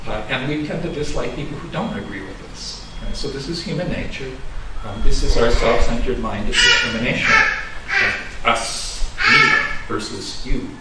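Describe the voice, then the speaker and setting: A man's voice: mid-range voice, wildly swooping pitch, normal speed. A man in his sixties from Los Angeles giving a conversational, self-deprecating dharma talk as a Buddhist minister, chuckling often. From Los Angeles, USA. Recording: echoey room, distant mic, background noise.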